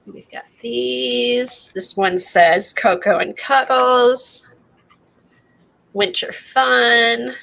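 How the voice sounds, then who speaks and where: Her voice sits on the high side, creaky and a bit bright, captured in a rough recording. She's a woman hosting an art stream, showing her handmade pieces and chatting loosely in her morning voice with plenty of filler words.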